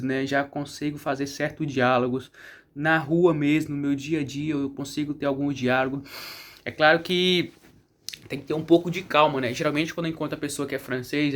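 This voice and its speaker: Young Brazilian man vlogging, Brazilian Portuguese accent, a touch high-pitched, rambling casual delivery. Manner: chatty, rambling, frequent "né?" tag questions. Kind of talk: casual chat.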